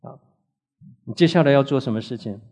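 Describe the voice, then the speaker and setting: A man's voice: medium pitch, fairly quick, dark tone. A man lecturing a Bible class in an earnest teaching manner, often adding filler particles and asking the students questions.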